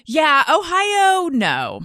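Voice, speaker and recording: A woman's voice: high voice, huge pitch swings, very slow, sharp tone, no echo, clean studio sound. A woman hosting a casual chat, playful and teasing, laughing often. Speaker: podcast host.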